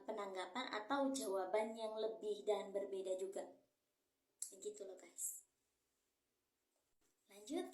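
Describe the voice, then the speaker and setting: A woman's voice: mid-range voice, a little mellow, far from the mic. Chatty woman teaching in an echoey room. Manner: chatty, mixes Indonesian and English, drills phrases slowly. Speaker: English teacher. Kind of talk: casual language lesson.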